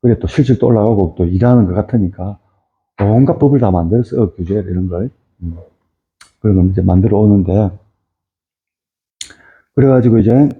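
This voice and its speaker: A man's voice: lowish voice, fairly quick, pauses often. A middle-aged man giving an informal lecture on fisheries, rambling with many fillers and tag questions. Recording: tinny phone-like audio.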